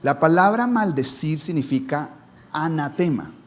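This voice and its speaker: An expressive male pastor preaches without hurrying, posing rhetorical questions as he moves between strong emphasis and a low, hushed tone.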